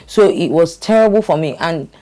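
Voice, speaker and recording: A middle-aged woman candidly telling her life story in conversation, halting with fillers and restarts. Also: low voice, animated, mellow. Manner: hesitant, with frequent fillers and restarts.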